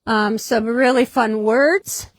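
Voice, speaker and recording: A woman's voice: on the high side, steady tone, slow pace, no echo. A woman hosting a casual product demonstration in a fabric shop, chatty and upbeat, often repeating herself.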